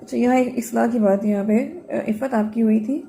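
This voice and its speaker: A woman with a fairly high, mellow voice teaches Quran recitation over an online call. She corrects her students patiently and stretches out each model word slowly so they can copy it. She speaks through a computer microphone. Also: creaky, a little hiss or hum. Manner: explains mistakes then models words in slow, drawn-out recitation; patient, corrective, checks with "okay?".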